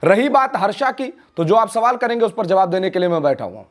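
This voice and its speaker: A man's voice: high-pitched, sing-song, fast talker. A man with an Awadhi Hindi accent, a nationalist speaker answering interview questions in a fiery, declamatory way full of rhetorical questions.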